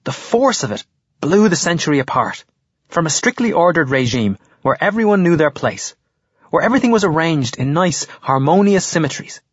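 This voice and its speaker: An actor playing an earnest history teacher who lectures in a measured, explanatory way. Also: male voice, on the high side, sing-song, husky, no echo, muffled recording. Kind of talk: audiobook character voice.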